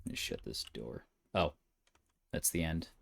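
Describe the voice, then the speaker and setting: A man's voice: extremely low pitch, animated, measured pace, creaky, fairly bright tone, slightly rough, dry recording. A man casually commenting on a game as he plays, joking and muttering to himself. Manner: jokey, mutters to himself while playing. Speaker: let's player.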